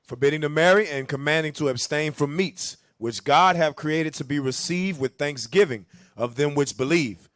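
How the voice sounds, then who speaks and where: A man reading Bible verses aloud at a preacher's cue, steady and deferential. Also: on the high side, moderate pace, no room sound, clean studio sound. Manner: steady, deferential, answers "yes, sir". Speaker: scripture reader.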